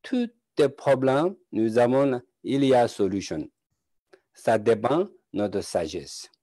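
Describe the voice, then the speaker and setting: A man with a Tibetan accent teaching Buddhist philosophy in halting French, speaking in short, searching phrases. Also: medium pitch, lively intonation, dark tone, dry recording. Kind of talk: slow teaching talk in broken French.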